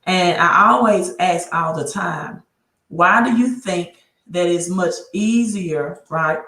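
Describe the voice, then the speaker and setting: This credit educator speaks slowly in a lowish voice with a bright, forceful tone, her sound bouncing around an echoey room. Hosting a casual livestream on her laptop mic, she chats freely, keeps restarting sentences, and talks while fixing tech.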